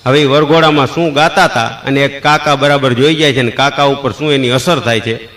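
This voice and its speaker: A man's voice: mid-range voice, fairly even intonation, a little fast, a bit bright. A man with a Kathiyawadi Gujarati accent telling folksy comic stories, acting out characters and laughing at his own punchlines. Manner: acts out characters' lines and sings snatches of procession songs. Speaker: stand-up comedian telling jokes. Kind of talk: folksy joke-telling monologue.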